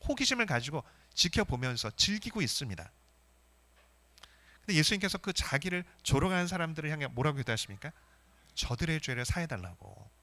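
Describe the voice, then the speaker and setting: A man preaching a Sunday sermon as pastor, emphatic and animated, asking the congregation rhetorical questions. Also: fairly high pitch, fairly quick.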